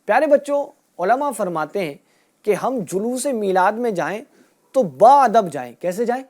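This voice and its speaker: A woman teaching a group of children, asking them questions and repeating their answers, and drawing out key words slowly. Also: mid-range voice, sing-song, darkish tone. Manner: asks a question, then repeats the answer back. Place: room with children and a passed microphone.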